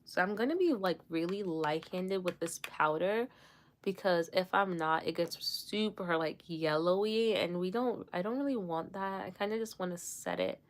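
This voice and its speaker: On a livestream, a young Jamaican woman with no accent chats casually while doing her makeup, rambling and using lots of fillers. Her voice sits on the low side, and she talks at a normal speed.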